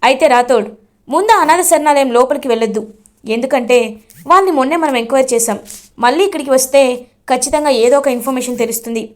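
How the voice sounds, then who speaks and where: A stern man gives orders and demands answers, firm and direct. A woman narrator reads his lines in her own high voice. Her delivery stays plain, with little change for the role. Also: fast, lightly acted. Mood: commanding. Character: stern officer husband, firm and commanding.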